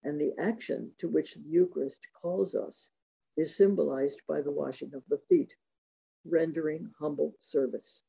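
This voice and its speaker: A man giving a reflective talk on religious devotion, measured and reading quotations aloud, in a dull lo-fi recording. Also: on the high side, fairly even intonation, creaky, warm tone, husky. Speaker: speaker giving a talk on Eucharistic spirituality.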